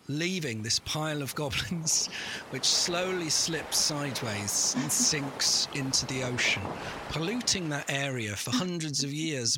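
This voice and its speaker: A man's voice: medium pitch, noisy background. A man acting as game master, improvising darkly comic narration for a tabletop role-playing game.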